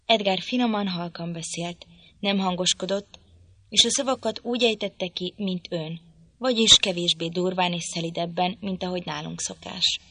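A woman narrating an audiobook in a calm, measured storytelling manner. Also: fairly low pitch, no room sound. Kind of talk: scripted narration.

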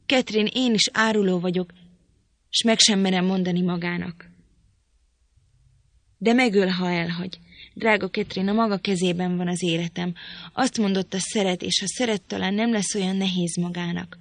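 A woman's voice: mid-range voice, fairly even intonation, no echo, lightly acted. A woman reading the part of a frail, frightened teenage boy who pleads, sobs and gasps for breath in an audiobook. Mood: desperate. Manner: sobbing, begging, breathless.

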